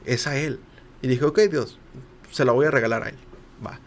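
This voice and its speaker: A young man, a podcast guest telling a personal story. He acts out the quoted voices and turns quiet at the emotional parts. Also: medium pitch, steady tone, fairly quick. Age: young adult. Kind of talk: casual storytelling.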